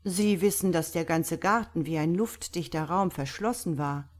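A woman voicing an impatient, sharp-minded male doctor who questions forcefully in a read-aloud story. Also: on the low side, natural voice. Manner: forceful, sharp, quick to anger.

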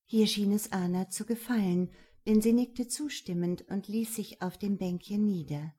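Warm, husky woman narrating a novel. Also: mid-range voice, normal speed. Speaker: audiobook narrator. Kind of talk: scripted narration.

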